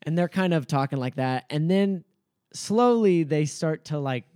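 A man co-hosting a podcast, retelling things in a relaxed way with many fillers. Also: on the high side, a little slow, clear, resonant tone, dry recording, studio quality. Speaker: podcast co-host. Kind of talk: casual chat.

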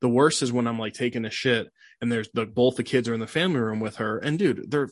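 A man's voice: medium pitch, fast talker, no room sound, studio quality. A young man co-hosting a podcast, talking loosely and acting out other people's reactions. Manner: animated, acts out others' voices. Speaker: podcast co-host. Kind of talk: casual chat.

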